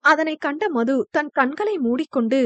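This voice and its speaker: A woman narrating a romance audio novel in a high voice, with steady, expressive storytelling. The sound is dry and close, with no room around it. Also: a little slow, no echo, dull audio.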